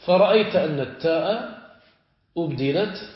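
A sheikh teaching grammar in an echoey hall. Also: male voice, a little high. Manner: asks students checking questions, stretches example words slowly. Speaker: sheikh teaching Arabic morphology. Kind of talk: classical Arabic grammar lesson. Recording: echoey, dull lo-fi room recording.

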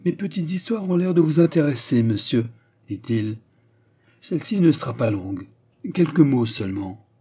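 A man voicing a composed, politely ironic French gentleman in a storybook reading, with a mellow, husky voice. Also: mid-range voice, expressive, moderate pace, voice pushed up. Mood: calm courtesy. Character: calm, courteous French gentleman.

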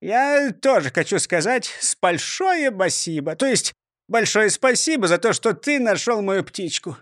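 A man's voice: high voice, animated, unhurried, fairly bright tone, no echo, studio quality, pitched above the performer's own voice. A man voicing a jolly, generous mayor in a storybook reading, cheerful and hearty. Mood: jovial.

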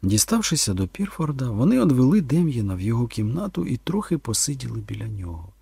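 A man narrates a dramatic audiobook in a gravelly, husky voice, heard close and completely dry. His reading moves up and down a lot, tense and dropping low and slow in the dark passages. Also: big pitch swings, no echo.

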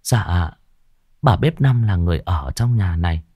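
A man voicing a timid young female servant in a ghost story, soft-spoken and hesitant. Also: low-pitched, lively intonation, a little slow, slightly rough, no room sound, clean studio sound, full character voice.

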